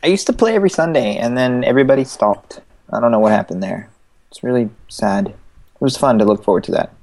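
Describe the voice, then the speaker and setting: Excitable man with a lively, bouncing voice. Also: mid-range voice, a little fast, vocal fry. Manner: excitable, giggly, enthusiastic. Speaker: podcast co-host. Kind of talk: casual podcast chat over video call.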